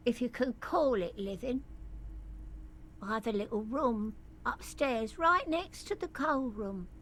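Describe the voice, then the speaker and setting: Sickly, grumbling old cleaning woman, coughing and wheezy, drawling slowly. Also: fairly high pitch, lively intonation, fairly bright tone, slight background noise. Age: older. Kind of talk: game voice acting.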